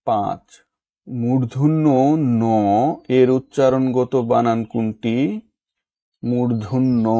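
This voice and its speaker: A man reading an exam-prep lesson in a formal, measured way, stating each question and then its answer. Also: mid-range voice, dark tone, no room sound.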